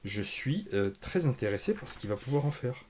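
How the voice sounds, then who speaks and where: A man's voice: medium pitch, big pitch swings, fairly quick, darkish tone, a little hiss or hum. A man hosting a comics channel, chatting casually through an unboxing, enthusiastic and thinking aloud with lots of fillers.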